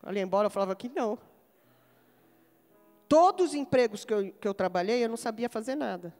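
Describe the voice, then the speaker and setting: A woman's voice: fairly high pitch, expressive, a little fast, warm tone, soft background music. Brazilian woman pastor preaching in a reverberant hall. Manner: humorous storytelling, rising to emphatic preaching. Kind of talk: sermon. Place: large church hall. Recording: long reverb of a church hall.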